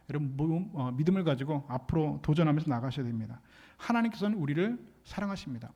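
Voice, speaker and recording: A man preaching a sermon as pastor in a church, emphatic and animated, acting out the voices he quotes. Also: fairly high pitch. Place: church sanctuary.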